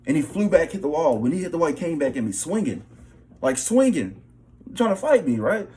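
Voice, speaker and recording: A young male vlogger gives a personal spiritual testimony in a slightly high, dark-toned voice with big pitch swings and a somewhat fast pace. He's casual and emphatic, checks in with listeners often, and repeats "bro" and "okay."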